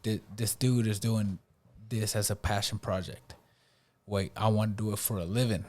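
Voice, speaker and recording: A man with a fairly low voice hosts a podcast in loose, casual conversation. He talks in a relaxed way and keeps checking in with his guests. "Bro" and "right?" run all through his speech. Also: moderate pace. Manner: laid-back, peppers speech with "bro" and "right?". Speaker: podcast host. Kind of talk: casual chat.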